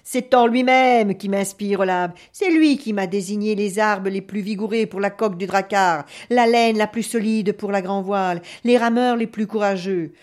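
A woman's voice: medium pitch, normal speed, hardly any pauses, lightly acted. A woman voicing a bold young viking chief. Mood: defiant. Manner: commanding, boisterous, shouting orders.

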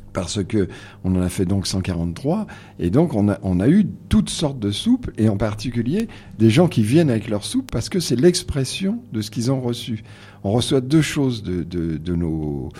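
Lively husky low-voiced man. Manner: hesitant, restarts often, animated emphasis. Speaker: guest, organizer of book readings. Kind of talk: radio conversation.

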